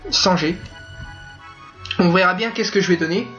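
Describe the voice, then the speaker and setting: Easygoing game playthrough host, mid-pitched, halting delivery, dull lo-fi audio with faint game music. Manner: relaxed, halting, lots of fillers and asides. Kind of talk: casual live commentary.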